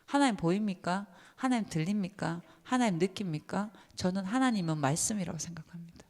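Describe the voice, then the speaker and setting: A woman's voice: fairly low pitch, fairly quick. Emphatic woman lecturing in a reverberant hall. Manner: lively and emphatic, asks the audience many questions. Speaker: church teacher-seminar lecturer. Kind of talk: seminar lecture to church teachers. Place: church hall. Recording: long reverb of a church hall.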